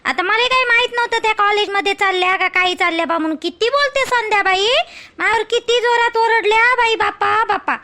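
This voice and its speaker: A woman with a rural Maharashtra Marathi accent playing a complaining wife in a village family skit, exasperated and quick to protest. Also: very high-pitched, sharp tone. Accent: Marathi dialect of rural Maharashtra.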